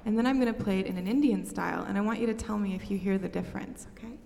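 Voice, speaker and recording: A woman's voice: mid-range voice, very fast, vocal fry, a little mellow. A woman teaching children about music, playing for them and asking encouraging questions. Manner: encouraging, asks the class questions. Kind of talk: classroom music demonstration. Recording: reverberant hall. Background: instrument music.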